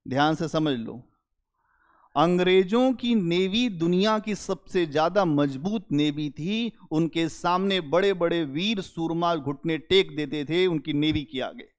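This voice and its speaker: A male history teacher lectures in a slow, measured classroom delivery, pausing between phrases. His voice sits somewhat high for a man, and he leans on rhetorical questions to drive points home. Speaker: history teacher for civil service exam students.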